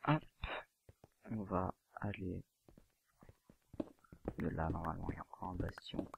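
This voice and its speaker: A man with a deep, gravelly voice narrates his gameplay in a hushed, half-whispered way, keeping quiet because it is late. The home recording carries steady noise and mouse clicks behind him. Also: measured pace. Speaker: let's play gamer. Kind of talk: casual gameplay commentary.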